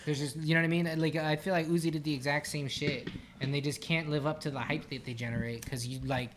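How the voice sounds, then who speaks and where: Higher-voiced man over background noise. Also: steady tone, quick pace. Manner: laid-back, blunt, opinionated. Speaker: podcast co-host. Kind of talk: casual podcast chat.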